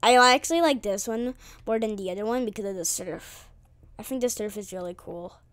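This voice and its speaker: A woman giving live gameplay commentary as a gaming channel host, excitable and trash-talking, humming to herself while she plays. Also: medium pitch, fairly quick, dry recording.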